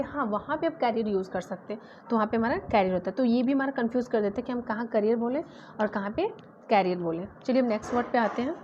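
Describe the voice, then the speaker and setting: A woman's voice: fairly high pitch, darkish tone. Female grammar teacher, patient, spells words aloud letter by letter; dull lo-fi recording with faint hiss. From India. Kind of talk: exam-prep grammar lesson. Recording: dull lo-fi sound with faint noise.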